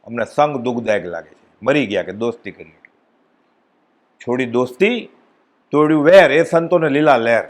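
A man's voice: normal speed, pauses often. A man giving a devotional discourse at a spiritual gathering, telling stories and acting out the dialogue with sudden rises and drops in his voice. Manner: animated storytelling, acts out dialogue with swings in pitch and loudness. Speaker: spiritual speaker at a satsang.

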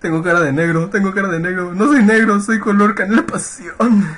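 A man's voice: sits high, steady tone, brisk, a bit bright. A man with a Mexican accent commentating a horror game at his computer, jittery and swearing, yelping when startled. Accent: Mexican Spanish. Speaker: gaming video creator. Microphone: webcam and computer mic.

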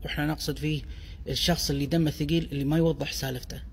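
A man with a Kuwaiti Gulf Arabic accent giving a deliberate, emphatic explanatory monologue in the manner of a language explainer. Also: fairly high pitch, little pitch movement, a little hiss or hum. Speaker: explainer of dialect words. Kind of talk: explanatory monologue on word origins. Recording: long reverberant echo.

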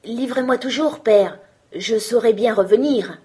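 A woman's voice: on the high side, unhurried, dark tone, husky. A woman voicing a tiny clever boy who is cheerful and bold, calling out eagerly in a storybook.

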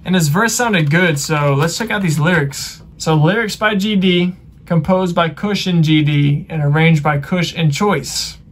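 Man with a fairly high voice. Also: measured pace. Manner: relaxed, filler-heavy explaining. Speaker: reaction channel host. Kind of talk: casual music reaction commentary.

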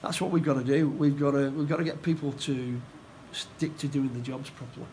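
A middle-aged football manager giving a post-match interview, plain-spoken and halting, often repeating his words. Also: medium pitch, steady tone, a little mellow, slight background noise, rough recording. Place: indoor room by a stadium door.

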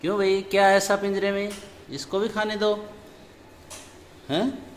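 A man's voice: sits high, level tone, unhurried, big-room sound, heavy background noise. A man filming his pet parrots at home, talking to them in coaxing, sing-song baby talk. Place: inside a home.

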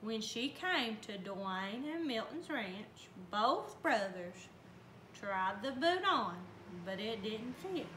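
A woman volunteer reading a storybook aloud with expressive, folksy storytelling. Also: on the high side. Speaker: volunteer reader. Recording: roomy, faint background noise.

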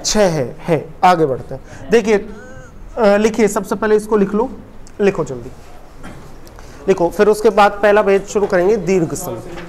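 A man's voice: sits high, lively intonation, normal speed, pauses often, a little mellow. A man teaching a coaching class, quizzing students again and again and answering his own questions. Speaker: Hindi teacher. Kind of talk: classroom lecture with call-and-response drilling.

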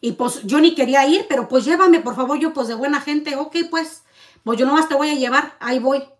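A woman's voice: sits high, brisk. A woman vlogger, ranting at the camera in a heated, accusing way and firing off rhetorical questions. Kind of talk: heated confrontational rant to camera.

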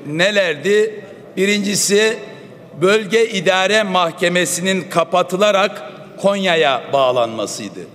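Give me a high-voiced man speaking at a rostrum microphone, with long reverb from a large hall. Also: a bit bright. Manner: measured, formal oratory with pointed appeals. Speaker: member of parliament. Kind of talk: formal parliamentary speech.

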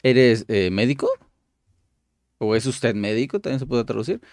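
A man's voice: medium pitch, normal speed, a little mellow, no echo, clean studio sound. A young man hosting his channel, casually commenting and translating language-app stories aloud, thinking aloud with lots of fillers.

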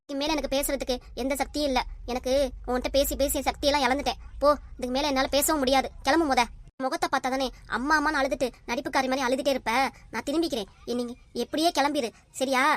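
A woman's voice: sits high, fairly even intonation, fast, no room sound, lightly acted. A woman voicing a stern, angry older mother who harshly scolds her daughter in a cartoon comedy. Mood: scolding.

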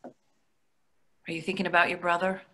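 On a video call from a plain indoor room, an older woman reads a practical, exasperated wife in a readers theatre play reading. Her fairly low, slightly bright voice stays level and unhurried, dry and matter-of-fact, with slight background noise.

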